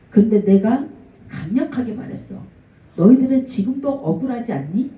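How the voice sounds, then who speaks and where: A middle-aged woman pastor preaching a sermon, telling stories about people she met and acting out their quoted words. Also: mid-range voice. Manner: storytelling with lively acted-out quotes. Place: church sanctuary. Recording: echoey room, mic at a distance.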